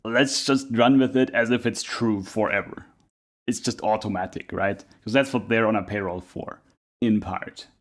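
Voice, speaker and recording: A man's voice: on the low side, steady tone, moderate pace, a little hiss or hum. A man giving casual live reaction commentary as a streamer, rambling in a laid-back, unbothered way.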